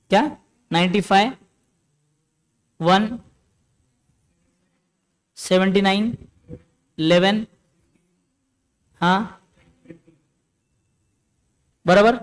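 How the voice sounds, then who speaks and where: A man with a fairly high voice teaches a class, working through a problem one step at a time. He keeps stopping to ask whether the students have understood, and his carries an influence. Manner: explains step by step, checks with the class. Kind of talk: classroom lecture.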